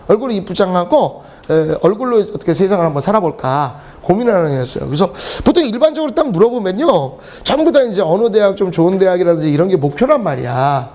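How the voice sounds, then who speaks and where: A middle-aged man teaching English to a class, telling joking stories and laughing between sentences. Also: sits high. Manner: animated, joking, often laughing mid-sentence. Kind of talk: lecture with humorous storytelling.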